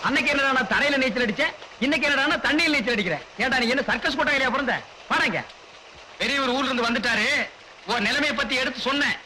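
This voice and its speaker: A man's voice: very high voice, fast talker, pushed and bright, a little hiss or hum, full character voice, rough recording. An actor playing a bossy, sarcastic village man who teases and insults the people around him. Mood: mocking. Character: bossy, mocking village man, middle-aged. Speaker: comic village loudmouth.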